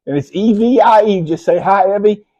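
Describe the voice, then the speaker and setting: A middle-aged man hosting a casual live video at home, playful and teasing with a child, often dropping to a soft hushed voice. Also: high-pitched, animated, brisk, dull audio.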